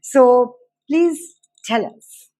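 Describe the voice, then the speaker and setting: A woman with an Indian accent, hosting a formal interview in deliberate, measured phrases. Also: on the high side, warm tone, poor audio. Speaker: talk show host.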